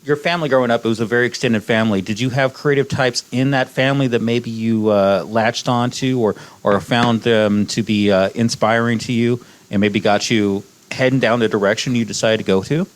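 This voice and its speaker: A man hosts an interview podcast with eager energy. He often repeats his phrases and stumbles over his words as he leads the guest along. His voice has an ordinary mid-range pitch. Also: fairly even intonation, a little fast, few pauses. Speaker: podcast host. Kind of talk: interview hosting.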